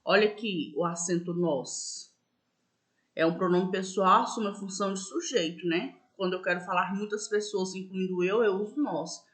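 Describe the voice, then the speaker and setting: A woman teaches a school lesson. She talks patiently and repeats herself, often checking in with the class. She slows down to draw out the example words. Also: mid-range voice, fairly even intonation. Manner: stresses example words slowly. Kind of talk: school lesson explaining accents.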